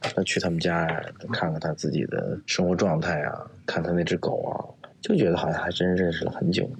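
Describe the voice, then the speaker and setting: A man, an actor guest, telling a personal story in a halting way, often repeating words. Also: low-pitched, steady tone, vocal fry, husky.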